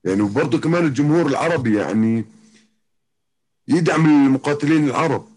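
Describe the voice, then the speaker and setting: A man's voice: a little high, lively intonation, fast, darkish tone, breathy edge. A man from Jordan with a Palestinian-Jordanian Arabic accent, chatting casually as an interview guest and often circling back over his phrases. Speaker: interview guest, professional MMA fighter. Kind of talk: casual chat.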